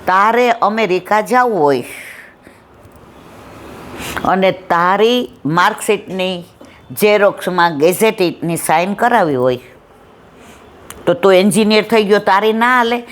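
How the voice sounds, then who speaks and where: A woman's voice: mid-range voice, expressive, a little slow, pauses often. Middle-aged woman telling a devotional story. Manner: conversational, asks the audience if they follow. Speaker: satsang speaker.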